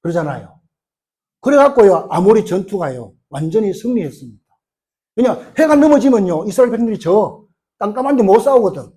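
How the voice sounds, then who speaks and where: A male pastor preaching a sermon in an animated way, firing rhetorical questions at the congregation. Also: high-pitched, a little fast, husky.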